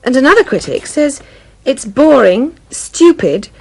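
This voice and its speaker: A woman's voice: high-pitched, big pitch swings, very slow, vocal fry, heavily acted. A woman acting in a scripted course dialogue, eager and enthusiastic.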